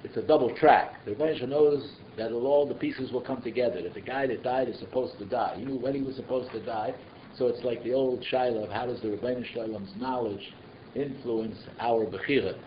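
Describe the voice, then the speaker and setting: A man's voice: mid-range voice, brisk. A man with giving an informal religious class, asking rhetorical questions and slipping in conversational asides. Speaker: rabbi giving a Torah class. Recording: echoey, muffled room recording with noise.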